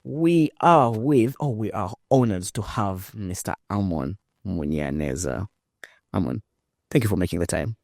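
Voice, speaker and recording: A man from Rwanda hosts a podcast and leads the interview with emphatic, animated phrasing, often stopping on fillers. His voice sits very low, and it sounds dry and close to the mic. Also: unhurried, gravelly, no room sound. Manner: lively, emphatic, with frequent fillers. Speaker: podcast host. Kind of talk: conversational interview.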